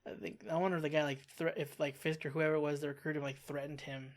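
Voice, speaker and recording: A reaction channel host talking casually about a TV episode, expressive and quick to exclaim and sigh. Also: medium pitch, slight background noise. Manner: expressive, exclaims and sighs often.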